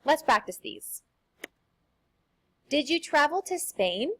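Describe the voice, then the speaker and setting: A young adult woman, a teacher, giving a recorded lesson in an upbeat, sing-song manner and slowing down carefully to model each example. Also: high-pitched, sing-song, fairly bright tone. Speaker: Spanish teacher.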